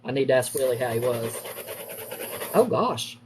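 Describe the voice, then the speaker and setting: A middle-aged woman, chatting casually with livestream viewers while she crafts and telling family stories in a lively, animated way. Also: moderate pace, noisy background. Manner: lively, acts out quoted family members with big pitch jumps.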